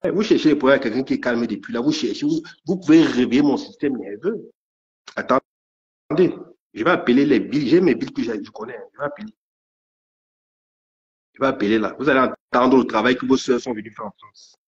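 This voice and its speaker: A man's voice: mid-range voice, brisk, pauses often. A man ranting angrily on a live stream, stammering and repeating his threats. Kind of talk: angry live rant. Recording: dull lo-fi stream audio.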